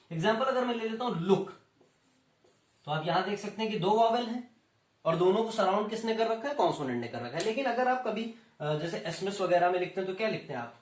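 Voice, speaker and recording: A man with an Indian accent giving a lecture, explaining slowly and repeating key terms as he moves between Hindi and English. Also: high voice, very animated. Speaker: teacher. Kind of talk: classroom lecture. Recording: roomy echo, voice from a distance.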